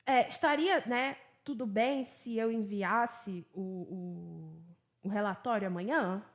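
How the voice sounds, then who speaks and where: A woman teaching English in a relaxed, chatty lesson, mixing explanations with English examples. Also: medium pitch, slow. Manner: chatty, switches between Portuguese and English examples. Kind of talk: casual bilingual lesson.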